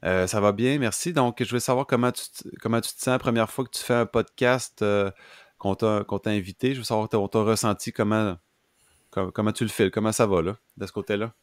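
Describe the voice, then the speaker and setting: Podcast host, Québécois man, low-pitched, halting and repetitive, dry close recording. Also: steady tone, no room sound. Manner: halting, repeats words while forming questions. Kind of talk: casual interview chat.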